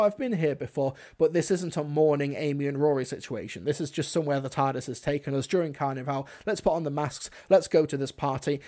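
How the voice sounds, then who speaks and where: Casting: young adult male reviewer, slightly high voice, casual livestream commentary, close desk mic. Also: darkish tone. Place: small indoor room at home. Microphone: desk microphone close in front.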